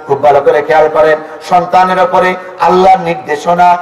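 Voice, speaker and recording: High-pitched chanting preacher man. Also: steady tone, brisk, faint music behind. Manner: chanting, rising preaching cadence with call-and-response questions to the crowd. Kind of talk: Bengali waz sermon. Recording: echoey, distant sermon recording.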